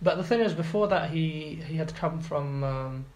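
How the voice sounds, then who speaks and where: A man's voice: a little high, normal speed. A man in his twenties from Iraq, talking as an interview guest, hesitant with many fillers and restarts. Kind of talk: casual interview. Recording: roomy echo, faint background noise.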